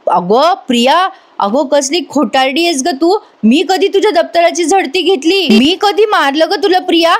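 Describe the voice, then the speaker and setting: A woman's voice: extremely high pitch, expressive, moderate pace, voice pushed up. A woman voicing a flustered elderly male servant who scolds someone for lying. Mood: indignant. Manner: scolding in rural speech.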